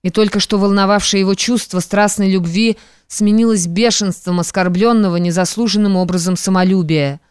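A woman narrating a classic novel in an even, measured reading. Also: medium pitch, clean tone, dry recording, clean studio sound. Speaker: audiobook narrator. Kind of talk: literary narration.

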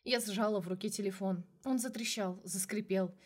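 A woman with a mid-range voice reads a first-person novel aloud as an audiobook. Her delivery is expressive and emotional, pulling the listener into the narrator's inner life. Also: medium pitch, normal speed, husky.

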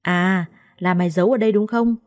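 A woman voicing a quarrelsome young female house servant who shouts accusations. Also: steady tone, fairly quick, no room sound, studio quality, close to an everyday voice. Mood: shrill accusing. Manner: shrill yelling, quarrelsome.

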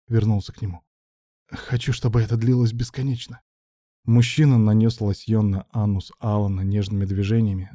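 A man reading a story aloud as narrator in an even, measured way. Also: lowish voice, no room sound, studio quality. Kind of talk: audiobook narration.

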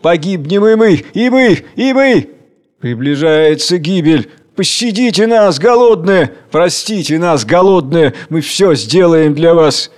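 A man voicing a despairing crowd with drawn-out, wailing pleas. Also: fairly high pitch, animated, darkish tone, voice pushed up.

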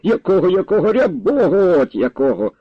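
A man voicing a grumpy, bossy old village grandfather who scolds and shouts at the young men. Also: mid-range voice, big pitch swings, a little fast, dry recording. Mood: scolding. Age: older. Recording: dull, dry recording.

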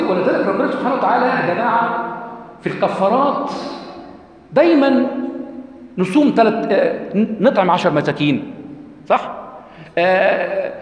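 A man with an Egyptian accent giving an informal religious lecture, asking his listeners questions, answering them himself and reciting verses slowly. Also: high-pitched. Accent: Egyptian Arabic. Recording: echoey hall, heavy reverb.

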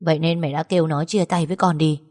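A blunt, scolding middle-aged mother, read by a woman narrator in a storybook audio drama. The voice sits low and firm, with a long reverberant tail around it. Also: steady tone, quick pace, a little mellow.

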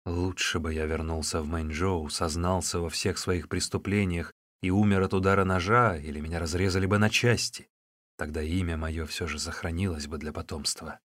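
A man voicing a weary, tough outlaw hero in an audiobook, speaking low and grim. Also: fairly even intonation, normal speed, a bit bright, dry recording, studio quality.

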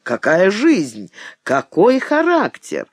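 A man's voice: high voice, wildly swooping pitch, slow pace, no echo, studio quality, voice pushed up, exaggerated voice. A man voicing an indignant elderly aunt, a general's widow, who scolds and mocks. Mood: sarcastic scolding. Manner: scolding, sarcastic.

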